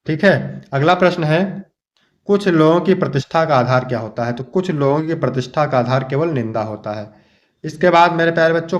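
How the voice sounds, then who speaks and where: Man teaching, slightly dull lo-fi sound. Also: mid-range voice. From Uttar Pradesh, India. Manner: explains line by line, addresses students fondly. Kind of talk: exam-prep lesson.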